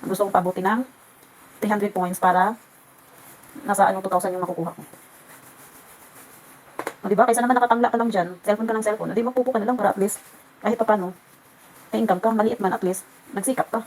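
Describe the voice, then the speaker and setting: A woman's voice: medium pitch, fairly even intonation, fast, pauses often, a little mellow, slight background noise, low-quality recording. A woman vlogger chatting to her viewers while ironing at home, in a rambling, ranting way. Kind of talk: casual chat.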